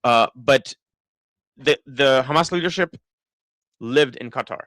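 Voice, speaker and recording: An Israeli political commentator with an American-sounding English accent, his voice dry and bright, reads chat during a live-stream commentary. He speaks at medium pitch and a little slowly, thinking aloud with many restarts and fillers. There's no room sound.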